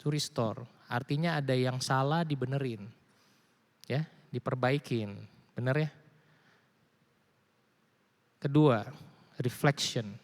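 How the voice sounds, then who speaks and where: A man's voice: mid-range voice, a little slow, pauses often. Young man preaching in an echoing hall. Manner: casual slangy preaching mixing English phrases, animated. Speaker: youth pastor. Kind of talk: sermon to a youth group. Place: church hall. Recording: long hall reverb.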